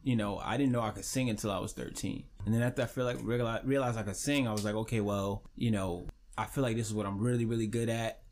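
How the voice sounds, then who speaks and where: A man's voice: fairly low pitch, steady tone, fast, few pauses, a little mellow, slight background noise. A man from Savannah, Georgia, a singer-songwriter and podcast guest, telling his story in a laid-back, candid way with frequent "you know". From Savannah, Georgia, USA. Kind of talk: casual podcast interview.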